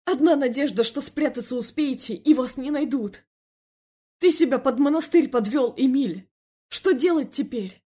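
A hot-tempered older brother in an audiobook shouts and scolds at full volume, as a woman voices him. The voice rises high and strains. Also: normal speed, breathy edge. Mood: shouting.

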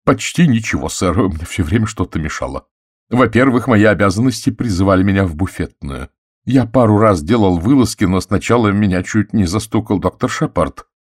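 A man's voice: fairly low pitch, lively intonation, husky, dry recording, studio quality, voice pushed up. A man voicing a nervous, servile middle-aged butler who pleads and stammers, in an audiobook. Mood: pleading. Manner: pleading, stammering, slow and anxious. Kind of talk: audiobook character voice.

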